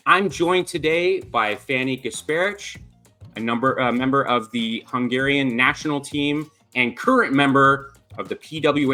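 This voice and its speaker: Male podcast host, bright forceful tone, upbeat, rambling questions; faint music under. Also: medium pitch. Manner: upbeat, rambling with repeated restarts. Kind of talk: casual interview hosting.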